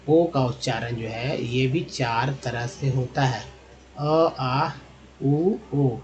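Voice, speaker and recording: Hindi-speaking man teaching English vowels. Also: mid-range voice. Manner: repeats example words slowly, often adds "है ना"; addresses viewers as friends. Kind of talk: spoken lesson.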